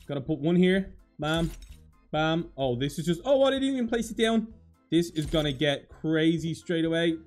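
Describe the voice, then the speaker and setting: A man giving excited, dramatic, self-mocking commentary while playing a video game. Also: a little high. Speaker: gaming YouTuber.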